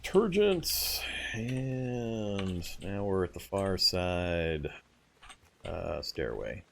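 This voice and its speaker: This male streamer speaks extremely slowly in a low, gravelly voice that is very animated, over a slight hiss or hum. Playing a game live, he muses aloud while looting, walks through how the mechanics work, and chats with his audience, laughing easily.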